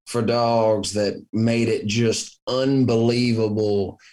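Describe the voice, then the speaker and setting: Southern US male, earnest conversational storyteller, slightly deep, folksy delivery. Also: level tone, slow, a little mellow. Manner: folksy, earnest, repeats himself for emphasis. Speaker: hunter in conversation.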